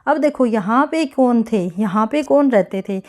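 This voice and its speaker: A woman, working through an exam answer key as an English tutor, reading each question slowly and then explaining it in a chatty way. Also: on the high side, lively intonation.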